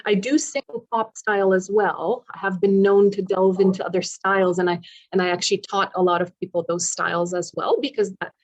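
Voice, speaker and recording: This woman, a singer and vocal coach born in Poland, talks a little fast in a steady, medium-pitched voice while giving an informal online presentation and answering questions. She's chatty and explanatory, and the video meeting recording is rough.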